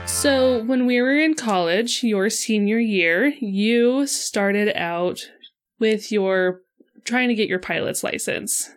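A woman's voice: on the high side, slow, soft background music. A young woman from the United States co-hosts a casual podcast. She giggles easily and keeps her teasing friendly and light. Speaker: podcast co-host. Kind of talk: casual chat.

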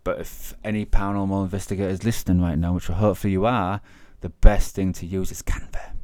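Low-voiced guy rambling on his podcast, dry close sound, keeps correcting himself. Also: level tone, fast, a little mellow, no room sound. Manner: rambling, self-correcting, chatty. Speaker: podcast host, paranormal investigator. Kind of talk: casual podcast chat.

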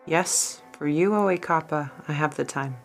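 A woman playing a steadfast warrior who speaks in a formal, measured way, with faint music underneath. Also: low voice. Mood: devoted, solemn.

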